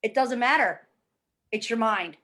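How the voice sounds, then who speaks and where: A woman in her forties, with a fairly high, slightly bright voice, talks at a measured pace about being a client of a fitness program. Her testimonial is candid and emphatic, peppered with blunt, casual swearing.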